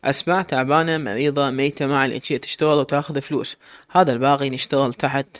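A man's voice: mid-range voice, fairly even intonation, fast, a bit bright, natural voice. A man voicing a harsh, bossy sheikh's wife. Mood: scornful. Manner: scornful, bossy.

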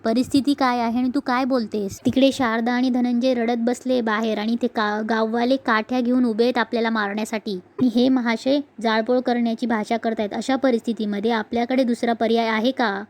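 A woman's voice: a little high, little pitch movement, a little fast, hardly any pauses, close to an everyday voice. A woman voicing a scheming middle-aged aunt who bosses and scolds her family. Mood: insistent. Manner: bossy, scolding.

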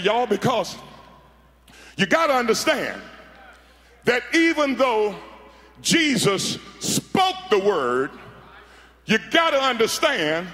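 On a big arena stage, a middle-aged man delivers a fiery sermon as a pastor, holding a mic and peppering it with repetition and calls to the audience. His voice is very high and a bit bright, with echoey arena acoustics.

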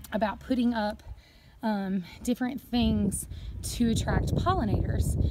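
Recorded on a handheld phone outside and in a barn, a Tennessee woman who vlogs about homesteading talks casually through her farm chores, rambling and laughing a lot. Her voice is medium-pitched, with background noise present.

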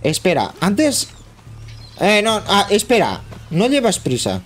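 A man's voice: high-pitched, wildly swooping pitch, slow, a bit bright, faint music behind. A man with a Castilian Spanish accent chatting casually as he plays co-op, bossy, teasing and foul-mouthed. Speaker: co-op gamer. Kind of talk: casual gameplay chat. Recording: game vehicle and action noise behind.

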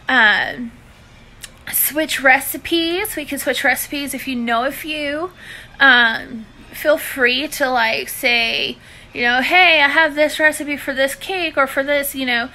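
This cooking and budgeting live-streamer, a woman in her thirties from Louisiana with a Southern accent, chats loosely with her live audience indoors in her living room, phone at arm's length, sprinkling in affectionate endearments. Her voice is high-pitched, bright and forceful.

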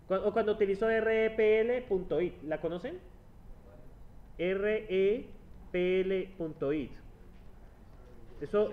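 A high-pitched man lectures his students in a classroom, talking in a chatty, teasing way and checking in with them constantly. The recording sounds dull and lo-fi, with a faint hum of noise behind him. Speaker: university lecturer. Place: university classroom.

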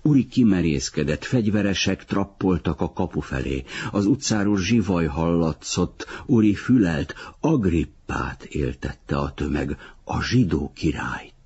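Deep, very husky male audiobook narrator. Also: highs cut off. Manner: measured, even literary reading. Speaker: audiobook reader.

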